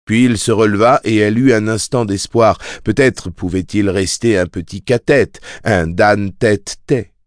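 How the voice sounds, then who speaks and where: A man with a lowish voice reads a novel aloud as an audiobook, narrating from a script in a measured, even storytelling style. The recording is dry, with clean studio sound.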